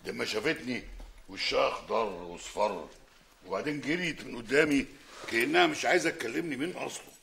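An actor with an Egyptian accent playing a stern, suspicious older father with a gruff voice. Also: mid-range voice, fairly quick, sharp tone, a little hiss or hum. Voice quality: gravelly, gruff.

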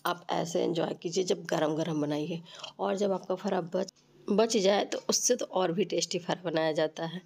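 A woman narrates a recipe tutorial step by step, informally, her voice stuffy and rough with a cold. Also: on the low side, fairly even intonation, normal speed, darkish tone. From Uttar Pradesh, India. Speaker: cooking channel host.

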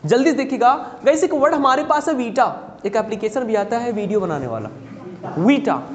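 A man's voice: extremely high pitch, expressive, normal speed, dull audio. Male teacher lecturing in an echoey classroom. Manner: quizzes students and drills pronunciation. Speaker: spoken-English and interview-skills teacher. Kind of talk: classroom lecture mixing Hindi and English. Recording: echoey classroom, faint hum.

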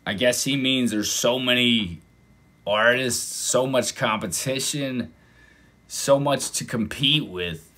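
A man hosting a reaction video, casually commenting and getting excited, sometimes exclaiming loudly. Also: medium pitch, slow. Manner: excitable, exclaims and breaks into mock voices.

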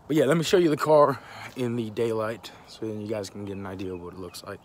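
A man's voice: on the low side, quick pace, a little hiss or hum. A man hosting a car vlog, talking casually with lots of slang and swearing. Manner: casual, profane, laid-back slang. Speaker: vlogger, car channel host.

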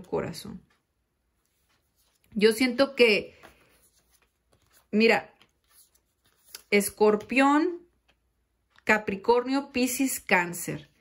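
A woman giving a slow, emphatic tarot reading straight to the listener, often calling them "corazón". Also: fairly high pitch. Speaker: tarot reader. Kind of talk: intimate direct-to-camera tarot reading.

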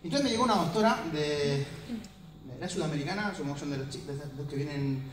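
Animated Spanish comedian in an echoey hall. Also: male voice, fairly high pitch, fairly quick, distant mic, a little hiss or hum. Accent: Murcian Spanish. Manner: animated, jokey, acting out dialogue. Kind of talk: stand-up storytelling to an audience. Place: hospital lecture hall. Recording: echoey hall, mic from afar, audience laughter.

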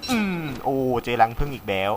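A man's voice: medium pitch, a little fast. A young man casually commenting as he plays a game, chatty with viewers, swearing freely and talking with a slight cold. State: has a cold. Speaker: gaming commentator. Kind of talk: casual let's play commentary. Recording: faint game music behind.

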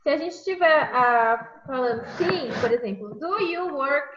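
A woman's voice: high-pitched, animated, unhurried, a bit bright, slight background noise. A woman with a Brazilian Portuguese accent teaching an online English class, explaining patiently step by step and checking in with tag questions over a video call. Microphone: computer microphone on a video call. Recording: echoey, muffled video call audio.

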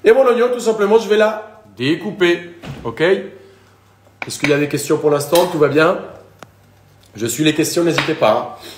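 Young Colombian-accented male chef, bit high-pitched, jokes with viewers live from a roomy kitchen. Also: animated, moderate pace, pauses often, a little hiss or hum. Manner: chatty and joking, talks to viewers. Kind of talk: live cooking demonstration.

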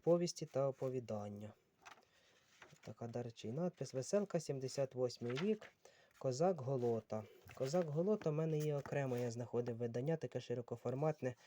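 A man sorting old books on camera, unhurried and musing as he reads titles aloud. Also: medium pitch, warm tone, slight background noise. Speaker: book collector vlogger. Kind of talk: casual talk while sorting books.

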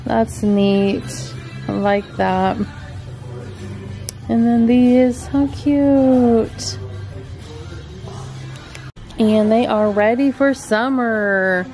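Here a middle-aged woman vlogs a shopping trip through a home decor store, raving about adorable items on her handheld camera and its mic. She talks extremely slowly with long pauses, in a slightly high, warm voice. The audio is rough, with soft background music.

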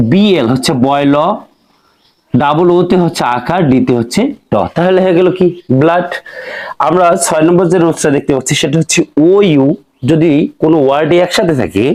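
A man's voice: on the high side, a little mellow. A man teaching English phonics, patiently spelling out each sound step by step and asking and answering his own questions. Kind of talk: classroom-style explanation.

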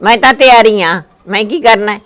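A nagging old granny in a homemade family skit, as a man puts her on, whining that nobody listens to an old woman. The voice sits high for a man and keeps a plaintive, complaining tone throughout. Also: a little fast, a bit bright. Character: elderly village grandmother, missing her daughter. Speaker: grandmother. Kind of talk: family comedy skit acting.

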